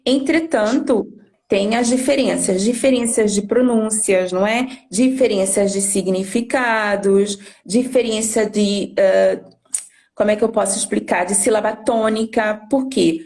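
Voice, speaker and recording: A woman's voice: medium pitch, measured pace, gravelly, a little mellow. A woman language teacher explaining patiently on a live stream, often checking in with tag questions. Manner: didactic, frequent tag questions.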